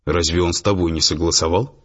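A man voicing a reserved, calm male businessman who answers in a measured way. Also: sits low. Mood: guarded. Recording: dull lo-fi audiobook, faint music.

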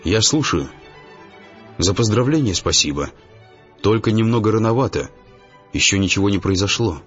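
A man reading a guarded, calm businessman. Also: fairly low pitch, close to an everyday voice. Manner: reserved, measured. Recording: dull lo-fi audiobook, faint music.

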